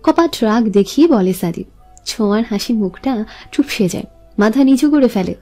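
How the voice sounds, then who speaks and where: A woman storyteller reading a romance in a smooth, even narrating voice. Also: a little high, moderate pace, soft background music.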